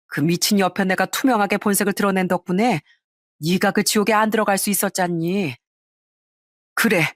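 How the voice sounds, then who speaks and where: A frugal older father who consoles his daughter in plain, steady words, as a woman narrator puts him on. Medium pitch and dry, close audio-story sound. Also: no room sound, natural voice. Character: thrifty, kindly older father.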